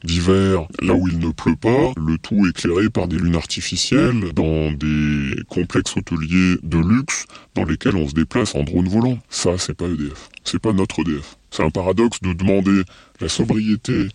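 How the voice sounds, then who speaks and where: A man's voice: deep voice, moderate pace, darkish tone, no room sound. Man with a disguised, voice-changed voice. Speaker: engineer speaking anonymously. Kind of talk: anonymous interview clip in a radio report.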